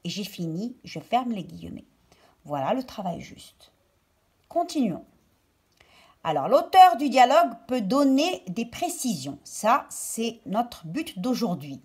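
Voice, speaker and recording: A woman teacher with a high, lively voice gives a lesson for young children. She goes slowly, one phrase at a time as if dictating, and leans on the key words so they stand out. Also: breathy edge. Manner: didactic, phrase-by-phrase delivery as if dictating. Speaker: primary school teacher.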